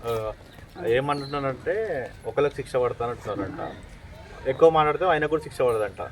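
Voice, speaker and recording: A man's voice: mid-range voice, a little fast. A man with a Telangana Telugu accent interviewing a grieving family, nodding along and pressing with questions. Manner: affirming, then pressing questions. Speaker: interviewer, vlogger. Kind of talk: outdoor interview. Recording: crowd noise outdoors.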